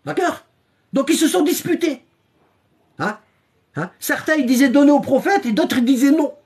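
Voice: high voice, lively intonation, normal speed, a little mellow. A religious teacher giving a live-streamed lecture, repeating points emphatically, checking in with the audience, and reading passages aloud from a book. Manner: repetitive and emphatic, with constant "hein?" checks; reads and shows passages from a book.

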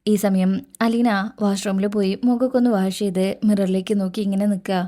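Mellow woman recapping a serial. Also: medium pitch, a little fast. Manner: steady, matter-of-fact retelling. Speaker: serial review narrator. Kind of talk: storytelling episode recap.

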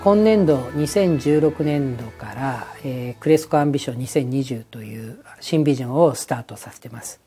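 A man's voice: mid-range voice, moderate pace, few pauses, mellow, faint music behind. A man, a company executive, answering an interview question in a hesitant way, with frequent filler sounds.

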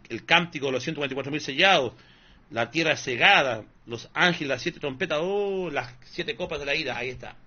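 Sharp, husky-voiced pastor preaching a sermon. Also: male voice, medium pitch, lo-fi sound. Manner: scolding, emphatic, mocking asides, repeats "hermano".

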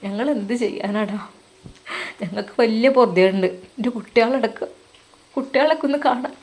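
A woman's voice: on the high side, a little mellow, lightly acted. A woman voicing a tearful older mother who speaks tenderly and pleadingly in a Malappuram Malayalam accent.

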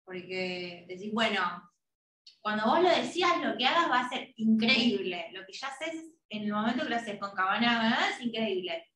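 A woman's voice: a little high, animated, moderate pace, bright, forceful tone. A woman student, asking questions in class in a thoughtful, hesitant way. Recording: echoey room, voice from a distance.

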